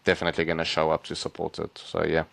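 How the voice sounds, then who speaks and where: A man's voice: very deep voice, monotone, fast talker, gravelly, a bit bright, rough recording. A man co-hosting a podcast in casual chat, talking with earnest enthusiasm and lots of fillers. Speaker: podcast co-host.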